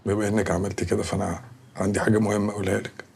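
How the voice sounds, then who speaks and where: A quiet, wounded young man. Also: lowish voice, flat delivery, rapid-fire, creaky, a little hiss or hum. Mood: calm. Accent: Egyptian Arabic. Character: injured young man, calm and resolved. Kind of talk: TV drama acting.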